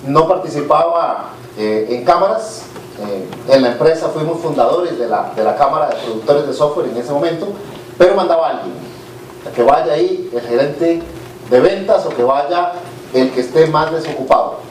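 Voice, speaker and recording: A man's voice: fairly high pitch, animated, moderate pace. A middle-aged man with a Costa Rican accent, a business leader giving a candid, conversational conference talk with frequent "eh" fillers. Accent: Costa Rican Spanish. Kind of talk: conversational speech to an audience. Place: conference hall with a live audience. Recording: echoey hall, distant mic, faint noise.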